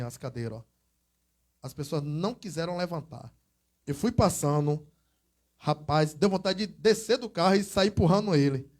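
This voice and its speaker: High-voiced evangelist preaching. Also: male voice, darkish tone. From Brazil. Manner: conversational storytelling, acts out quoted voices, exclamatory. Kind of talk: casual sermon teaching. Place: church hall.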